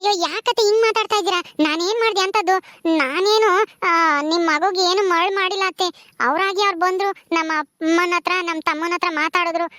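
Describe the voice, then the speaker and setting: A woman playing a gentle pleading young wife. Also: very high voice, steady tone, fast talker, no echo. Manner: pleading, earnest.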